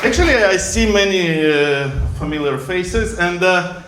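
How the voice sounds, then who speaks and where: A middle-aged man from Russia with a Russian accent, performing stand-up comedy in broken English with deadpan delivery. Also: high-pitched, heavy background noise. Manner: deadpan jokes in broken English, pausing for laughs. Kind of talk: stand-up set. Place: comedy club stage in Berlin. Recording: echoey club with loud audience.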